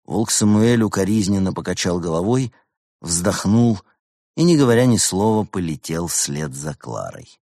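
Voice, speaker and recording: A man narrating an audiobook in an expressive storytelling manner. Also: low voice, moderate pace, no room sound, clean studio sound.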